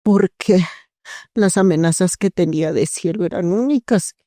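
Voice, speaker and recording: An older woman with a Colombian accent recounts her own experience in an interview. Her voice is low and mellow, and it is recorded dry and close. She acts out the words of the people in her story as she goes. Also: normal speed, no room sound. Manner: tells her story by acting out quoted dialogue. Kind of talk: emotional personal testimony.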